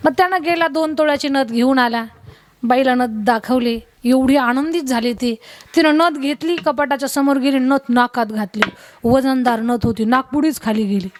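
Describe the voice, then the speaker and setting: A woman preacher telling a lively folksy story in a devotional sermon, speaking directly to the women listening. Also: high voice, moderate pace. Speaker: kirtan preacher.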